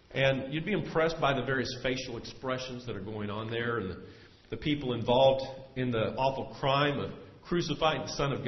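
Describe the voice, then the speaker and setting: A male pastor preaching a sermon in earnest, swelling louder and slowing down to stress his points. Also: medium pitch. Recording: echoey hall, dull lo-fi sound.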